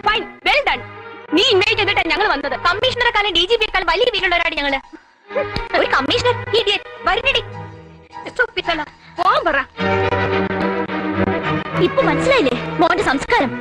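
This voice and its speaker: A snobbish rich young woman with a very high, lively voice and a haughty, mocking manner. She talks slowly. Music plays clearly behind her. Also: poor audio. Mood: huffy. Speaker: film character. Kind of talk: 1990s film dialogue.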